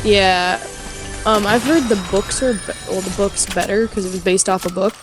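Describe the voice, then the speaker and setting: A woman's voice: mid-range voice, steady tone, normal speed. A woman chatting casually while gaming, enthusiastic and trailing off mid-thought. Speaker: gamer chatting while playing. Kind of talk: casual chat. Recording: game music behind.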